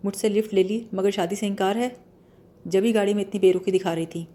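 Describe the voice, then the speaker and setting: A pushy young man from a storybook, mocking and insistent, his lines read in a mellow, darkish tone, as a woman narrator puts him on. The delivery is plain and even. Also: medium pitch, lightly acted. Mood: taunting.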